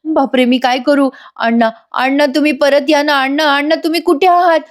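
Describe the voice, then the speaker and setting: A woman's voice: high voice, fairly even intonation, moderate pace, voice pushed up, natural voice. A woman voicing a frightened young woman who pleads, stammers and repeats herself in panic. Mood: panicked crying.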